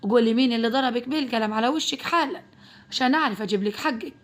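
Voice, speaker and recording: A woman's voice: a little high, rapid-fire, lightly acted. A woman voicing a protective young male doctor with an Upper Egyptian accent, firm and caringly insistent.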